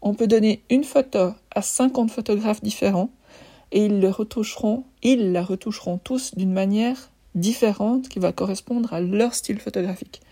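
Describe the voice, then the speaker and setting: A woman's voice: mid-range voice, normal speed, dark tone. A woman with a lisp on her s sounds, explaining things informally and conversationally as a photographer presenting.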